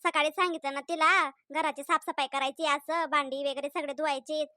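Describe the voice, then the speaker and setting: Someone putting on a bossy old cartoon granny, lower voice, nagging and mocking. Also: fairly even intonation, brisk, pushed and bright, dry recording, clean studio sound. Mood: scolding. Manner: bossy, scolding, sarcastic. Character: scolding, mocking old grandmother. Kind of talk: cartoon voice acting.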